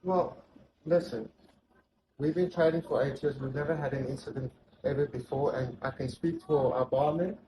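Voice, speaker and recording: A man who owns a bar, answering an accusation in a hesitant, stammering, soft-spoken way. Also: medium pitch, fairly even intonation, normal speed. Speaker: bar owner. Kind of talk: defensive argument. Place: bar, indoors. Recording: echoey room with loud background noise.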